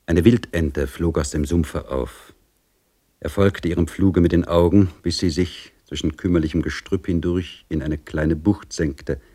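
A man with a very low voice reads a classic novel aloud in a measured, scripted way. He drops soft and quiet in the tense passages. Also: fairly even intonation, slightly rough. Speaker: audiobook reader.

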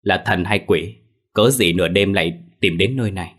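A man voicing a stern, weary old male exorcist master who talks in gruff, commanding village speech. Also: low voice, normal speed, a bit bright.

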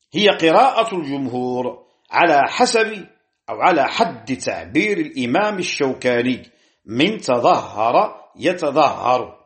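Animated scholarly male lecturer. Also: on the high side. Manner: deliberate, drawing out key words and citing sources. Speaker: Islamic jurisprudence teacher. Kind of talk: scholarly lecture on Quranic readings.

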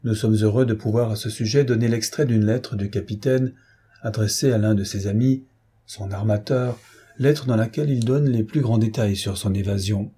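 A man reading a classic novel aloud in a steady, measured storytelling manner. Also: fairly low pitch, slightly rough. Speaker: audiobook narrator.

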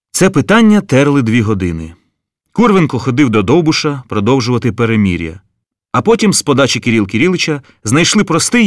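Male audiobook narrator with lively intonation. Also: mid-range voice, no echo, clean studio sound. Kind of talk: scripted narration.

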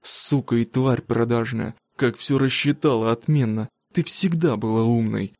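Man voicing a bitter jealous husband, loud, accusing, mellow dark tone, dry sound. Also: mid-range voice, dry recording, close to an everyday voice. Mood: furious. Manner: loud and accusing, slow emphatic delivery. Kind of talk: audiobook reading.

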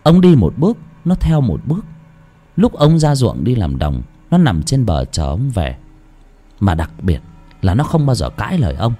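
A man's voice: on the low side, wildly swooping pitch, moderate pace, mellow, soft background music. A man narrating a horror story dramatically.

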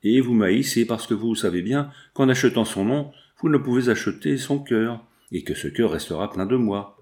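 A man's voice: medium pitch, expressive, normal speed, a little mellow, lightly acted. A man voicing a proud, defiant young woman seamstress, pleading with passion as he reads a novel aloud. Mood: indignant. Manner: impassioned, indignant pleading.

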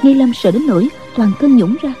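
A woman narrating a martial-arts novel audiobook in a steady, even storytelling manner. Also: high-pitched, a little fast, lo-fi sound, soft background music.

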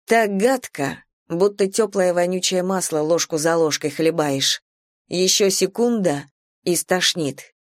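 A woman narrating a first-person short story aloud with an expressive, lively delivery. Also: on the low side, unhurried, no echo, studio quality. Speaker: audiobook reader.

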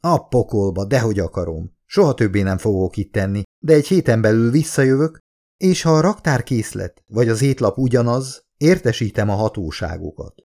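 A man's voice: on the low side, expressive, dark tone. A man reading an audiobook, voicing a fiery, stubborn young vegan woman who lectures indignantly.

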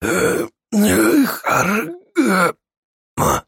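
A husky, high-pitched hothead, played by a male audiobook reader, splutters and shouts in slurred outrage. His pitch leaps wildly from line to line. The sound is close and dry. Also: big pitch swings, very slow, dry recording, exaggerated voice. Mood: groggy. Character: hot-tempered man, jaw knocked askew, yelling. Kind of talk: audiobook character voice.

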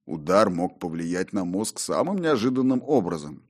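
A calm stranger, voiced by a male narrator, speaks in a very deep, low voice. He sounds measured and matter-of-fact, like a doctor's verdict in a storybook reading. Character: calm unfamiliar man, doctor-like.

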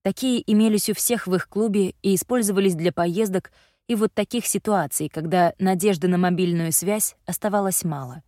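A woman reading a story aloud as narrator in a measured, even storytelling manner. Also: medium pitch, dry recording, studio quality. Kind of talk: scripted audiobook narration.

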